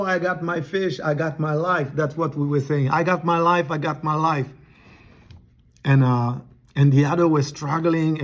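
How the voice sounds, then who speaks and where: Man, mid-pitch, earnest testimony teller, halting and restarting, chewing between words. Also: darkish tone. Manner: eating while talking. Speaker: testimony speaker. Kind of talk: personal testimony storytelling.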